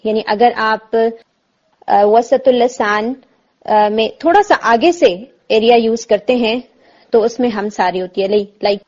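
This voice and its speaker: Patient female tajweed teacher, slightly high voice, demonstrates sounds slowly, muffled lo-fi sound. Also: a little mellow. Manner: patient, explanatory, demonstrates sounds slowly, mixes in English terms. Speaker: Quran recitation teacher. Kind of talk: tajweed lesson explaining articulation.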